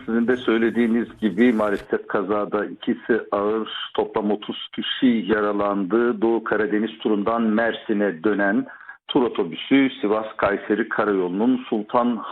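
A man phones in a live news report, and his fairly low voice comes through thin and tinny over the telephone line. He pauses often and fills the gaps with drawn-out "e" sounds as he pieces his sentences together. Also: steady tone, a little hiss or hum. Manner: halting, with many "e" fillers. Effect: heard over a telephone line.

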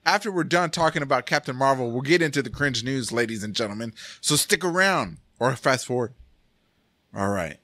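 A man's voice: mid-range voice, animated, a little fast, bright, forceful tone. A man hosting a casual podcast chat, laughing often and tripping over his words. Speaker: podcast host.

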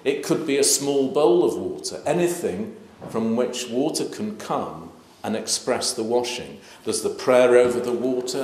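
A clergyman, giving a measured, emphatic talk at an interfaith event. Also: mid-range voice, darkish tone, a little hiss or hum. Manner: measured, emphatic, gesturing while speaking. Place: large plain hall. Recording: echoey hall.

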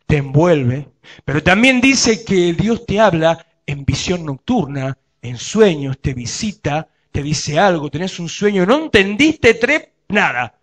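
Male pastor, Rioplatense accent, lively sermon delivery with a bright, forceful tone. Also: sits high, measured pace. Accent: Rioplatense Spanish. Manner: preaching with rhetorical questions to the congregation.

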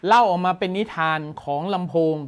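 A man's voice: high-pitched, animated, brisk. A man hosting a tech news show, explaining a gadget in a casual, enthusiastic way and exclaiming often.

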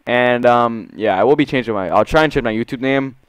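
A young man with a clear, mid-pitched voice recorded close and dry. He talks like a slangy gamer bro over his gameplay, casual and sweary, moving between low mutters and hyped bursts. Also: brisk, no echo. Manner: slangy gamer bro talk, full of "dude" and "bro"; swings between muttering and excited shouts. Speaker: gaming video creator. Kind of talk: casual, profane video game commentary.

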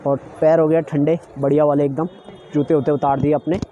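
A young vlogger feeling a bit travel-sick chats in a friendly way to his audience, phone held at arm's length, riding mountain roads by car before arriving at a busy temple outdoors. His fairly high voice is brisk with little pitch movement, and the recording has its highs cut off and slight background noise.

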